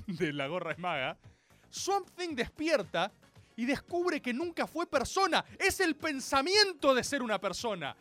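A man with an Argentine accent giving a passionate monologue that builds to shouting, full of slang. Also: very high-pitched, no echo. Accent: Argentine Spanish. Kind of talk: passionate comic-book monologue.

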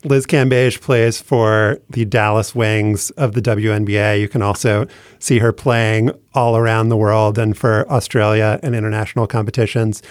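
A man's voice: fairly low pitch, little pitch movement, normal speed, dry recording, clean studio sound. A man hosting a podcast in a conversational presenting style, with a dryly joking manner. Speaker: podcast host.

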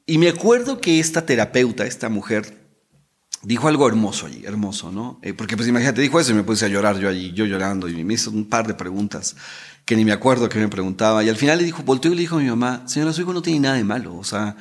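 A man's voice: lowish voice, expressive, fast talker. A middle-aged man, a guest telling his story in an emotional way, repeating words and adding tag questions. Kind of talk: storytelling interview talk.

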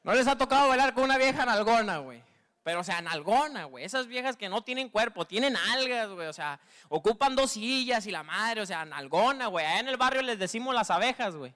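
Stand-up comic, male, northern Mexican accent, very high voice, slangy crude storytelling. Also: expressive, brisk, bright, forceful tone. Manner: crude slangy storytelling, constant filler tag; acts out women in a higher squeal. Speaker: stand-up comedian. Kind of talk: stand-up comedy monologue.

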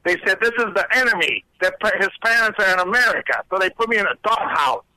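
A man from Romania speaks over a phone line, his voice high and strikingly bright. He tells his story to the host in an earnest way, and the call sounds close and dry. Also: fast talker, no room sound. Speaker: caller.

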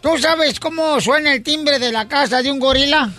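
Pushy high-voiced radio host. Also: male voice, moderate pace, soft background music. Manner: energetic, pushy, keeps interrupting to redirect jokes. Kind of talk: lively radio comedy banter.

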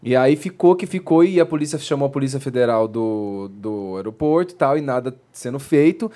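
A man's voice: mid-range voice, animated, brisk, warm tone. A young man in casual chat, telling a story animatedly and acting out the people in it.

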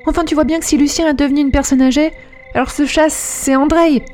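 A woman's voice: fairly high pitch, unhurried, warm tone, faint music behind, pitched above the performer's own voice. A woman doing a small-voiced, panicky girl. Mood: panicked. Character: frightened young girl dressed as a witch.

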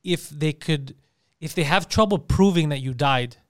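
A man in his thirties, chatting casually on a podcast, profane and animated. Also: a little high, normal speed, smooth, no echo, studio quality. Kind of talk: casual chat.

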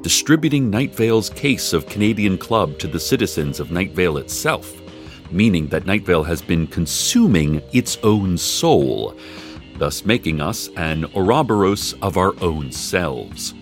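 An actor playing a wry male community radio host in a scripted radio drama, speaking in a dry, deadpan way. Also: unhurried, faint music behind, heavily acted. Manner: dry, deadpan delivery with lively swings in pitch.

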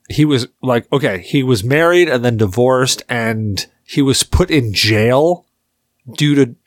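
A man's voice: medium pitch, no room sound, studio quality. A man in his forties hosting a podcast, telling rambling stories in loose casual chat and swearing freely. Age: 40s. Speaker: podcast host.

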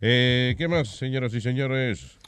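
A man's voice: medium pitch, expressive, measured pace, heavy background noise. A man hosting a radio show, joking with the crew and switching between Spanish and English. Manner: mixes Spanish and English, laughs often. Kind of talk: loud joking studio banter. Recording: music playing underneath.

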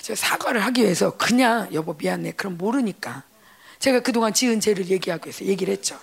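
A middle-aged woman, a pastor's wife, giving a chatty church testimony, animated and laughing as she acts out quoted voices. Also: medium pitch, fast, gravelly, breathy edge.

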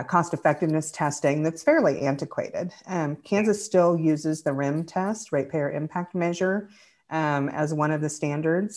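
A woman speaking as a guest on a podcast, explaining energy policy in a measured way with frequent ums and restarts. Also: sits low. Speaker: clean energy advocate guest. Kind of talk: casual podcast interview.

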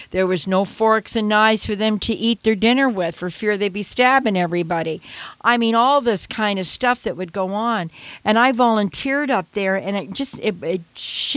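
A woman's voice: medium pitch, no echo. An older woman from Canada, a radio interview guest, telling stories with energy and acting out her younger self. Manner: animated storyteller who acts out her past self, laughs often.

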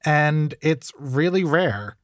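Lively male science reporter, dry studio sound. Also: on the high side, takes it slowly, dry recording. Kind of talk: casual interview chat.

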